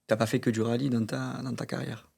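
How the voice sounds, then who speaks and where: A man's voice: mid-range voice, little pitch movement, fairly quick, gravelly, a little mellow, slightly rough. A man hosting a podcast interview, asking questions and finishing his guest's sentences with short prompts. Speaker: podcast host.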